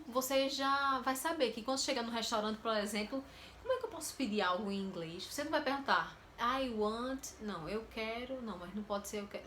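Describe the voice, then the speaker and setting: A Brazilian woman teaching English in a casual video lesson, lively and acting out inner thoughts, often repeating words. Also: fairly high pitch, a little hiss or hum. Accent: Brazilian Portuguese. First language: Portuguese.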